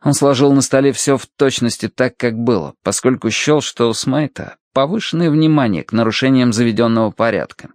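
A male audiobook narrator with a mid-range voice reads in a measured, steady way. He paces his sentences with deliberate pauses. The recording is dry and close, with no room sound. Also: mid-range voice, no echo. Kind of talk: scripted narration.

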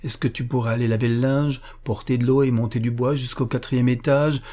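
A man's voice: mid-range voice, fairly even intonation, brisk, mellow, lightly acted. A man voicing a stern but kind young tutor, speaking with firm, patient reproach.

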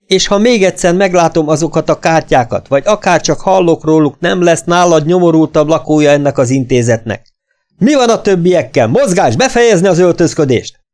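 A man's voice: medium pitch, animated, darkish tone, natural voice. A man barking as a harsh male drill instructor. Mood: stern shouting. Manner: barks orders, harsh and commanding. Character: stern shouting adult male boarding-school instructor.

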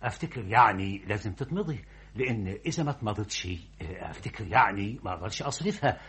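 A man playing a timid, slow-witted middle-aged clerk with an Egyptian accent, hesitant and stammering, in an old radio comedy. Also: fairly low pitch, animated, fairly bright tone, breathy edge, full character voice. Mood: nervous, flustered. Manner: hesitant, stammering, repeats a pet phrase.

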